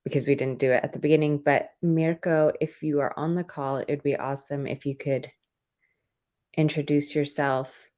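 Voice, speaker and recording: Female meeting facilitator with a very deep voice, hesitant and pausing, on a video call. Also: steady tone, a little mellow. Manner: hesitant, many pauses. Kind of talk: online meeting.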